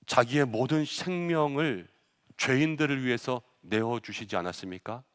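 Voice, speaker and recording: A man's voice: mid-range voice, lively intonation, moderate pace, fairly bright tone, clean tone. A male pastor delivers a sermon in a church sanctuary, his mid-range voice trailing off into a long hall reverb. He acts out the quoted lines with rising force.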